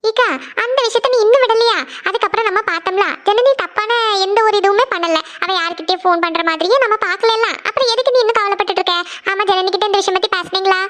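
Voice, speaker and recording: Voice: very high voice, pushed and bright. A performer voicing a caring younger sister in a cartoon series, coaxing and reassuring her crying elder sister. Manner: coaxing, reassuring, rapid questions. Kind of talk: Tamil cartoon series dialogue.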